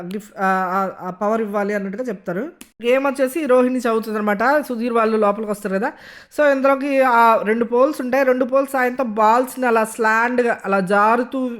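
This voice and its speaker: A reviewer giving a casual spoken recap of a TV episode, retelling it loosely and filling pauses with many small fillers. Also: medium pitch.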